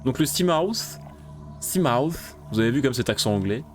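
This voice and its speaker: A man's voice: mid-range voice, racing, soft background music. A man giving casual let's-play commentary, talking to the game's creatures and yelping when he gets startled. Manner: jumpy, talks to game creatures, yelps when startled. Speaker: gameplay streamer.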